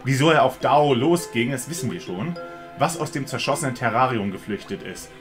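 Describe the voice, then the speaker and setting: A man's voice: medium pitch, lively intonation, brisk, over music. A man reading an interactive mystery story aloud, breaking off for joking, wry remarks. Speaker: story reader and commentator.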